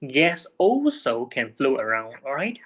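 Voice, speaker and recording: A male physics tutor leads a one-on-one lesson. His pitch sits in an ordinary middle range. He talks patiently and keeps checking in with little tag questions. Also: sing-song, measured pace, fairly bright tone.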